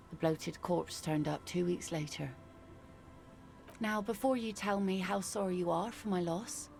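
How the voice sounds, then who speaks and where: Gravelly old-sailor fisherwoman, tough and wry. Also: lowish voice, darkish tone. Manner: dry, blunt, unsentimental old-sailor way of talking. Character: hardened middle-aged widowed fisherwoman, wry and tough. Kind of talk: video game character dialogue.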